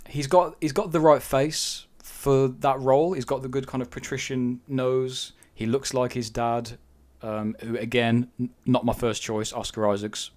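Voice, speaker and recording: A man's voice: mid-range voice, level tone, a little slow, hardly any pauses. A man co-hosting a podcast in casual chat, giving frank opinions and thinking aloud with frequent ums. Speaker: podcast co-host.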